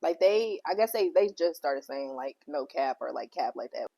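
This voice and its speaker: Young woman podcast host, husky, animated pitch, chatty. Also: normal speed. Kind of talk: casual chat.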